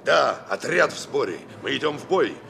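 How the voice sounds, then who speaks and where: An actor playing a Mongolian revolutionary commander and devoted husband, speaking in a solemn, declamatory theatrical radio drama manner. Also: male voice, mid-range voice, very animated, moderate pace, vocal fry. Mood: tender, resolute.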